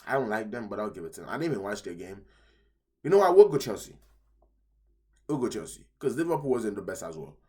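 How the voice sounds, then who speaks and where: Husky, short-winded man recapping football. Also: fairly low pitch, very fast, hardly any pauses. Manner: excitable, repeats phrases, keeps addressing the audience. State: sick and out of breath. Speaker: football vlogger.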